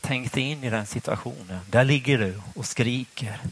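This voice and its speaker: A man's voice: medium pitch, a little hiss or hum. A man preaching a sermon in church, asking the congregation questions in a conversational way.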